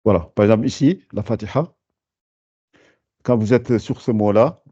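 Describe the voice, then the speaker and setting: A man's voice: fairly low pitch, normal speed, warm tone, slightly rough, muffled recording. A man teaching a lesson, explaining patiently with many fillers and restarts. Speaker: Quran recitation teacher.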